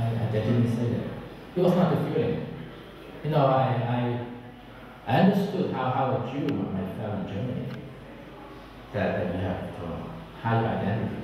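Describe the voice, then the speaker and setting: A middle-aged man speaks hesitantly, repeating words, in a lowish voice. He is far from the mic in a very echoey space with steady noise behind. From Vietnam. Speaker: interviewee. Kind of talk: documentary interview recollection. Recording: echoey hall, distant mic, background noise.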